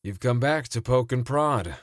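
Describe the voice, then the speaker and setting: An actor playing a humble, wounded friar in an audio drama, subdued and resigned. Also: male voice, mid-range voice, animated, a little slow, no room sound, clean studio sound, close to an everyday voice. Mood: weary, resigned. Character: weary, humble, obedient wounded male friar. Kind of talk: dramatized audio story acting.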